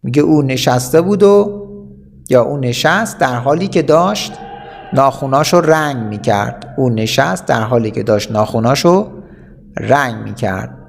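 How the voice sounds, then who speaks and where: A man teaching an English vocabulary lesson, reading example sentences slowly and explaining them quickly. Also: medium pitch, lively intonation, gravelly.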